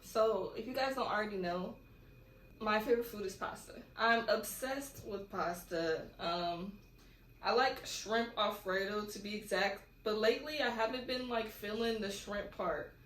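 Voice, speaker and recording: In an echoey room with a faint hum of background noise, a young vlogger from California chats loosely through a Q&A at home. She speaks unhurriedly in a mid-range, slightly bright voice.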